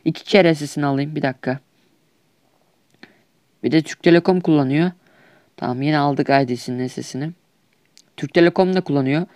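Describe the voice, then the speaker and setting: A man's voice: on the high side, moderate pace, long pauses, a little mellow, dry recording, studio quality. A young man with a Turkish accent, trash-talking over mobile shooter gameplay in a whiny, exasperated comedic skit. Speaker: gaming YouTuber.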